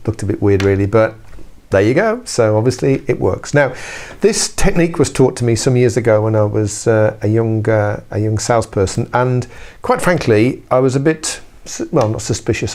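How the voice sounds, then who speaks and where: This middle-aged British trainer presents an informal video blog, talking to camera in a chatty, instructional way. He corrects himself as he goes and drops wry asides, his voice medium-pitched and a little mellow.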